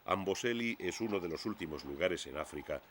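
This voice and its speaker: A man narrates a scripted nature documentary in a measured, expository storytelling manner. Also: low voice, animated, slight background noise.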